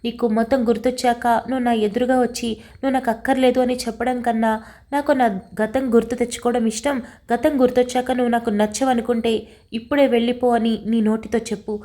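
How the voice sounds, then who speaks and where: A woman's voice: a little high, flat delivery, fast, dark tone, close to an everyday voice. A woman voicing an anxious young woman in love, pleading through tears in a storybook reading. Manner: pleading, tearful.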